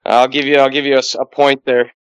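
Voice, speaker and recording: A man with a Canadian accent, a hockey commentator, talking through the league in a quick, rambling way with many fillers. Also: medium pitch, little pitch movement, clean tone, no echo. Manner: fast, rambling analysis with fillers. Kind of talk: casual sports chat.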